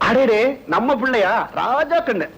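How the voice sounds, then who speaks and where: A proud scheming village doctor. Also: male voice, very high-pitched, expressive, measured pace, a little hiss or hum, heavily acted. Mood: coaxing. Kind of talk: 1980s film acting. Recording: old film soundtrack with loud music.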